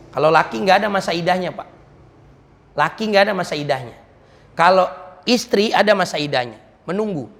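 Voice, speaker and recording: A male preacher gives a dawn sermon, joking and chatty and dropping in Arabic recitation. His voice sits high for a man, and a long reverb trails it through the prayer hall. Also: fairly bright tone. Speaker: preacher at weekly dawn study. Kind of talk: humorous colloquial sermon.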